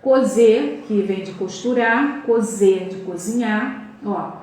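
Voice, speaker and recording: A woman teaching a spoken Portuguese grammar lesson with a Brazilian accent, checking in with frequent tags and slowly repeating word pairs. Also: mid-range voice, a little mellow, distant mic, slight background noise. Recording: very echoey room, voice off-mic.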